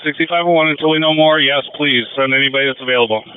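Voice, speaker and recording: Male officer, mid pitch, fast brisk radio reports, tinny walkie-talkie line. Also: fairly even intonation, clean tone, no room sound. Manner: brisk and businesslike. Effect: heard over a police walkie-talkie. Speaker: police officer on scene.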